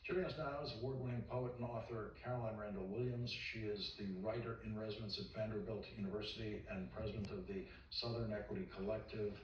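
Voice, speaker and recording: A male television host introduces his guest and presses a point with measured emphasis. His voice is mid-pitched. It sounds roomy and distant, with a faint hum underneath. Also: fairly even intonation. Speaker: TV news host. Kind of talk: broadcast interview hosting. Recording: echoey and distant.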